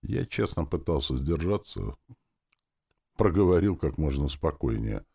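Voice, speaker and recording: A man's voice: extremely low pitch, very animated, a little slow, vocal fry, mellow, breathy edge. A man narrating a fantasy audiobook in the first person, reading expressively.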